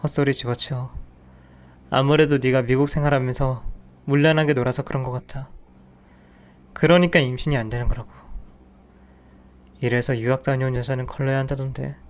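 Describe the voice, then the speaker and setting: A man's voice: mid-range voice, steady tone, a little fast, pauses often, lightly acted. A man voicing a cold, contemptuous husband who insults and dismisses his wife. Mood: scornful. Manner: scornful, dismissive.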